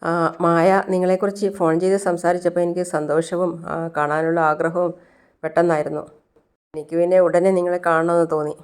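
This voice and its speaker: A woman's voice: lowish voice, little pitch movement, a little fast, a little mellow, clear, resonant tone, close to an everyday voice. A woman voicing an anxious, grieving older father who pleads with repeated "sir" to learn where his lost daughter is. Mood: eager.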